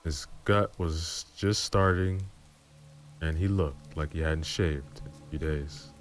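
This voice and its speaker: Deep-voiced male narrator for horror story readings, calm and low-key. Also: slow, slight background noise.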